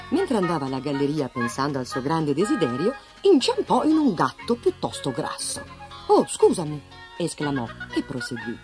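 A woman reading a children's story aloud in an expressive, sing-song storybook narration. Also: fairly low pitch. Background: soft background music.

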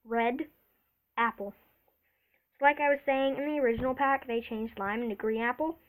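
Chatty, higher-voiced woman taste-testing. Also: fairly even intonation, normal speed, poor audio. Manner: chatty and eager, reacting aloud as she tastes. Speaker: vlogger. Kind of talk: casual taste-test commentary.

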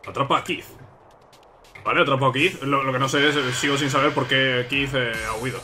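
A man with an accent from Spain giving casual game commentary, often repeating phrases excitedly. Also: medium pitch, a little fast. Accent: Spanish from Spain. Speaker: gaming video host. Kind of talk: casual let's play commentary. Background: game music.

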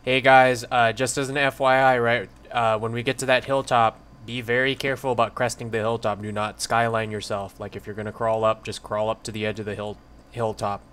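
A man's voice: medium pitch, level tone, a little fast, fairly bright tone, smooth. A man leading a squad in military game voice chat, giving informal but directive instructions. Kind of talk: tactical gameplay voice chat.

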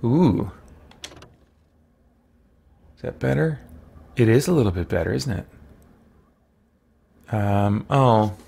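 In a small room at home lined with shelves, a game streamer in his forties muses hesitantly to himself while playing. His mid-range voice is husky, gravelly, and mellow yet expressive, moving slowly with frequent pauses.

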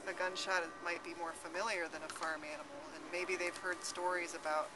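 Young woman, urban farmer, outdoor interview, many fillers, camera mic, loud noise. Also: on the low side, flat delivery, brisk. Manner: thoughtful, many fillers and restarts. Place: outdoors in a city garden.

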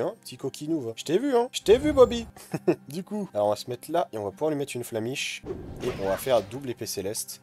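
A man talks quickly and casually over his gameplay, at an ordinary pitch for a man. He chats straight to his viewers as he plays. Faint music runs behind his voice. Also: darkish tone. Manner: fast, chatty, talks to viewers while playing. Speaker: gaming video creator. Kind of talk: casual game commentary.

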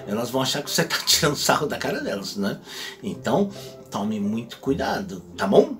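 A man hosting a casual advice vlog, chatty and ending phrases with tag questions. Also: fairly high pitch. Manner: acts out quoted speech in exaggerated voices. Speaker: host.

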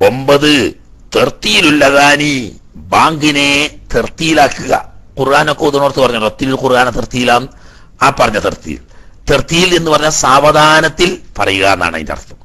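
Husky bright-voiced man teaching a class. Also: mid-range voice, animated, normal speed. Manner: explains Arabic text line by line, then paraphrases; asks the class rhetorical questions. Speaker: religious teacher. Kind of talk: Islamic law class lecture.

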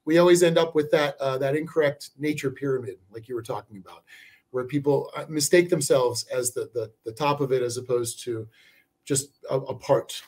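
A man hosting a podcast interview, enthusiastic and halting, with many fillers and restarts. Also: medium pitch, darkish tone. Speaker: podcast host.

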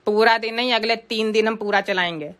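A woman's voice: on the high side, steady tone, brisk, a bit bright, close to an everyday voice. A woman playing a cheeky, demanding young boy who keeps pestering his father. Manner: pestering, bratty.

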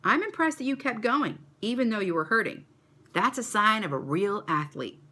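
A woman's voice: mid-range voice, animated, normal speed, pushed and bright, pitched above the performer's own voice. A woman doing a cheerful, praising male coach. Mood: encouraging. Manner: upbeat, praising. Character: kind encouraging male track coach.

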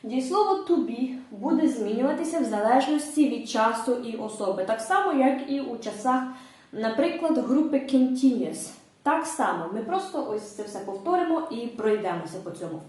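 A woman teaching English grammar in a video lesson, explaining step by step in a clear, patient way with brief hesitations. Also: fairly high pitch, darkish tone. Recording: echoey room, mic at a distance.

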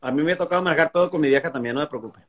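A man's voice: a little high, very fast, a bit bright. A man with a Mexican accent hosting a casual chat, teasing and swearing. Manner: joking, teasing, profane. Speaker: host.

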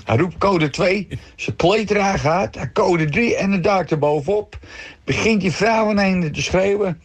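A man's voice: high voice, measured pace. A middle-aged man with a Dutch accent telling jokes on a radio show, switching voices for the characters. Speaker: joke teller on radio show.

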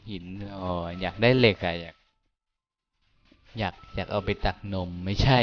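A man's voice: low-pitched, normal speed, dull audio. Young man chatting through a game. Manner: talks to himself, jokey, swears casually. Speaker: gamer. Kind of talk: casual let's-play commentary. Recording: music playing under the voice.

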